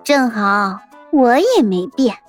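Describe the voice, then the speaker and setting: A man voicing a sly young martial-arts sister who talks sweetly and coyly but with a threatening edge, in an audiobook with soft music underneath. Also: very high-pitched, sing-song, slow pace, pitched above the performer's own voice, exaggerated voice. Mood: sweetly menacing. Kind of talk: audiobook character voice.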